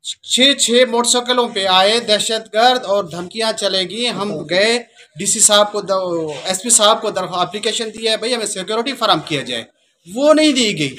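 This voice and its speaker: A man, forcefully complaining to reporters at an outdoor market. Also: sits high, moderate pace, a little hiss or hum. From Pakistan. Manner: indignant, forceful complaint to the press. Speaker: protesting farmer spokesman. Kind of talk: street interview statement. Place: outdoor market arcade with crowd.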